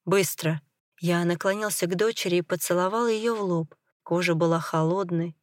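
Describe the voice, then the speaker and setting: A woman narrating a dramatic first-person audiobook in a steady tone. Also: on the low side, brisk, no room sound, clean studio sound.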